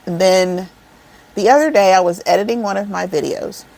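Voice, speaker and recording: A woman's voice: mid-range voice, moderate pace, gravelly, a little mellow. A woman in her forties chatting casually to her viewers, rambling and calling them y'all, seated indoors. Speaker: crochet vlogger. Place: indoors, seated over an air vent.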